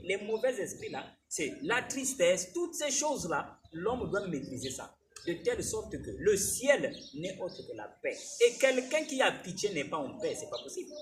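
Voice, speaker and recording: Prédicateur animé, voix haute et vive. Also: male voice, high voice, recorded from a distance, slight background noise. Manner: animated, questioning the congregation. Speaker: preacher. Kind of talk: sermon.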